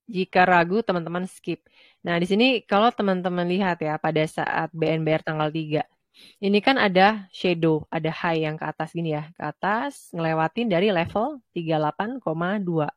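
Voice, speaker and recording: Congested and nasal from a cold, a woman with a lowish voice explains charts informally as a trading instructor at a moderate pace. The audio is close, dry, dull and lo-fi.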